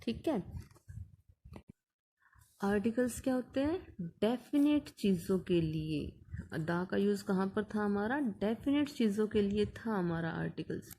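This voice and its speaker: A woman's voice: medium pitch, expressive, measured pace, pauses often, warm tone. A woman teacher explaining an English grammar lesson patiently, asking questions and answering them herself.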